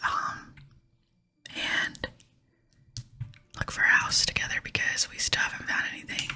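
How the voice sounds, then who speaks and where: A young adult American woman, acting as a gaming host, whispers softly and intimately close to the mic in a casual, meandering ASMR chat. Her breathy, unvoiced whisper moves a little slowly.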